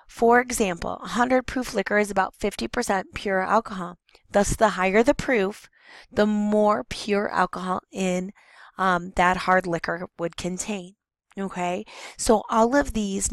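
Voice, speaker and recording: Hoarse woman teacher, gravelly and dry. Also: mid-range voice, no room sound, low-quality recording. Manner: explanatory, with frequent ums and self-corrections. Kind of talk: recorded classroom lecture over slides.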